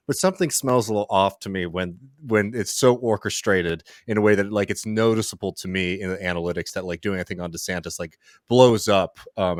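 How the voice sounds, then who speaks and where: A man's voice: on the low side, no room sound, clean studio sound. A man co-hosting a political podcast in casual chat, rambling with many fillers. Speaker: podcast co-host.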